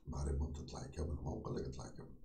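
Deep-voiced middle-aged man, teasing pranker. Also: level tone, mellow, recorded from a distance, slight background noise. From Kurdistan. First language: Kurdish. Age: 40s. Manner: teasing, rapid-fire questioning. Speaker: prank video-chat host. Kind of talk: joking chat with strangers. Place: small indoor room with bare walls. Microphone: webcam at desk distance. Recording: echoey room, voice off mic.

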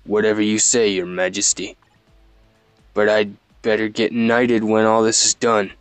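A man's voice: fairly low pitch, flat delivery, unhurried, clear, resonant tone, dry recording, soft background music, natural voice. A man reading the lines of a sarcastic male fighter in a game, wryly and in his own voice.

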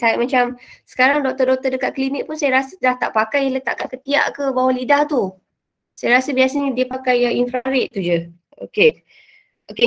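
A woman teacher with a Malaysian Malay accent, giving a casual revision lesson with many fillers and English words mixed in. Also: high-pitched.

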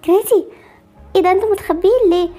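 A woman's voice: extremely high pitch, racing, warm tone, soft background music. A woman voicing Barbie, an anxious, protective young mother with an Egyptian accent, fretful and soothing in an amateur game movie. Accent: Egyptian Arabic.

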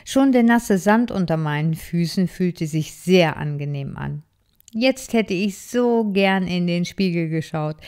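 A woman reading a children's story aloud in a gentle, expressive storytelling manner. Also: lowish voice, a little slow, clear, resonant tone. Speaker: story reader.

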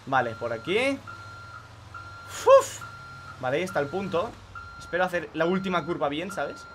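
A man's voice: a little high, expressive, fairly quick, background noise. A young man with a Spain Spanish accent, commenting live on his gameplay for viewers, exasperated and swearing often. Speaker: gaming youtuber.

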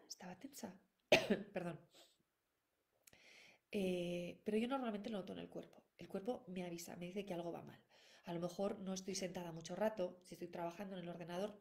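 A woman's voice: on the low side, gravelly, a little mellow. A middle-aged woman gives parenting advice in a solo talk, talking directly to her listeners and repeating her points. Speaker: parenting educator.

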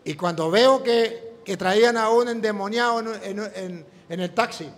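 A priest preaches with a fairly high, animated voice, acting out the dialogue of his story as he goes. His words ring out with a long reverb, as in a big church hall. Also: a little slow. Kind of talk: sermon with storytelling.

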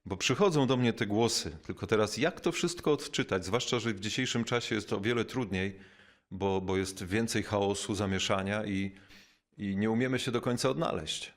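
A bishop with a fairly low voice gives a reflective spiritual teaching. Thoughtful and unhurried, he pauses often, adds small fillers, and slows down to emphasize key words.

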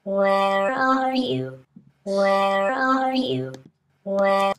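A man's voice put through formant shifting and hard pitch correction, so it sounds choppy, mechanical and locked to set notes. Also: animated, extremely slow, fairly bright tone, slight background noise, heavily acted. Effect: formant-shifted, hard pitch-corrected robotic portal voice. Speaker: music production tutor demonstrating an effect.

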